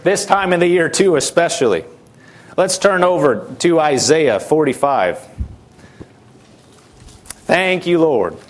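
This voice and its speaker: A man's voice: fairly high pitch, big pitch swings, slow, pauses often. A man preaching a sermon, fervent and repetitive, with frequent hallelujahs.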